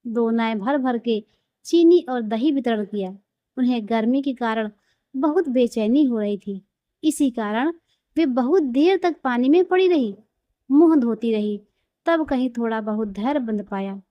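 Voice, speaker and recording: A woman narrating a devotional story in a calm, reverent, measured way. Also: on the high side, dry recording, lo-fi sound.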